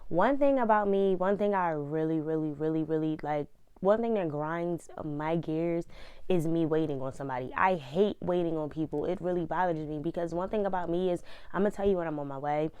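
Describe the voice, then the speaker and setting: A woman's voice: deep voice, fairly quick, darkish tone, clean tone, dry recording, muffled recording. Blunt, profane young woman telling a story. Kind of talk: casual storytime chat.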